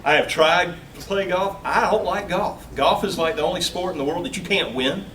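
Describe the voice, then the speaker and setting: His voice sits high with a fairly bright tone at normal speed: a Southern man in his 40s from Augusta, Georgia, giving a relaxed, joking guest talk at a company. He's folksy and uses filler words, captured by a distant mic with faint room noise.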